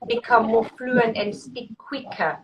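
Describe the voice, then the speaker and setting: A woman's voice: a little high, big pitch swings, unhurried, lo-fi sound. A woman with a French accent hosting a casual interview as a coach, talking in a hesitant way with many restarts. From France. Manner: hesitant, with frequent restarts and fillers. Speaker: host, executive coach. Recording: distant mic with faint noise.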